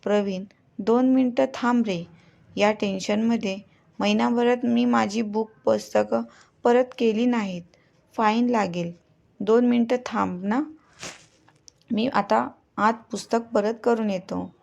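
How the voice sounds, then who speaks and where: A woman's voice: on the high side, fairly even intonation, unhurried, gravelly, long pauses, darkish tone, highs cut off. A woman voicing a young woman in a storybook reading, anxious and confiding in a friend. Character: young woman, frightened and uneasy.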